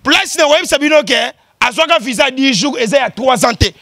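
A show host with an extremely high-pitched voice talks a little fast, giving animated commentary as he teases people and bursts into exclamations and laughter. There is no echo on the recording.

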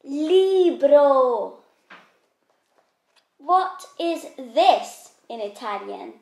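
A woman plays a patient teacher in a children's classroom skit. She speaks very slowly and clearly in a high voice, with moments of mock strictness. The recording has a roomy echo. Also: lively intonation. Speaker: co-host playing a teacher.

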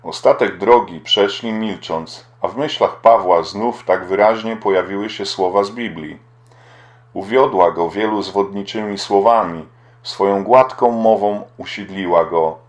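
Low-voiced man narrating an audiobook. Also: measured pace. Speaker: audiobook reader. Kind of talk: scripted narration.

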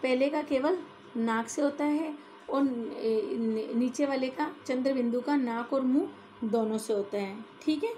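A woman teaching a classroom grammar lesson, going through each point step by step and pausing to check in with her listeners. Her voice sits a little high but sounds soft and mellow. A faint hiss runs under the recording. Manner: explaining step by step, often adding "ठीक है".

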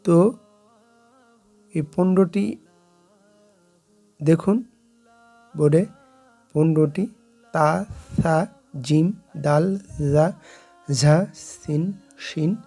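A man teaching Quran recitation rules in a slow explanatory lesson, drawing out the Arabic examples. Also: fairly high pitch, dark tone, faint music behind.

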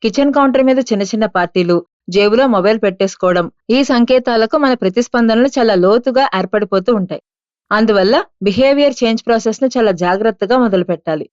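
A woman reading an audiobook aloud in a steady, measured manner. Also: a little high, no echo, lo-fi sound. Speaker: audiobook narrator. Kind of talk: scripted audiobook narration.

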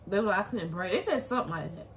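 A woman's voice: medium pitch, expressive, rapid-fire. A young woman in her teens chatting casually as a co-host on a vlog. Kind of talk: casual chat. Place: indoors, small room at home. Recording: faint background noise indoors.

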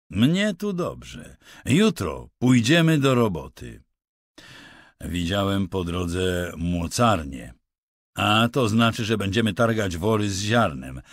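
A man voicing a weary, gruff ranch worker who talks bluntly in rough slang, plainly exasperated. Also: on the low side, no echo, clean studio sound, full character voice.

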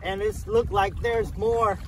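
A man's voice: sits high, steady tone, slow pace. A man in his thirties casually narrating a fishing trip from a canoe on a lake, chatty and repetitive, pointing things out as he works. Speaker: fishing vlogger. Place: canoe on an open lake, outdoors. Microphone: camera mounted on the canoe, a few feet away. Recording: windy outdoor lake noise. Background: wind and lapping water.

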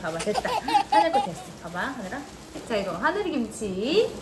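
A woman's voice: medium pitch, sing-song, normal speed, heavy background noise. A mother hosting a home vlog, coaxing and praising her children through a task and reading product details in between. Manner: coaxing, sing-song praise to kids. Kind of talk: casual instructions to children mixed with product narration.

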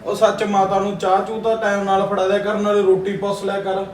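A soft-spoken husband with a high voice, played by a man, always trying to calm things down. The sound is roomy and distant, with faint background noise. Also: a little fast, close to an everyday voice. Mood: placating. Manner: placating, calm. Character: mild young husband caught between wife and mother. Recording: echoey room from a far mic, faint noise.

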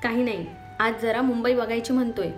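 A woman's voice: fairly high pitch, steady tone, fairly quick, faint music behind, lightly acted. Woman reading a cocky young man, teasing, light storybook voice. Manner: boastful, teasing. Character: playful young man teasing his sister.

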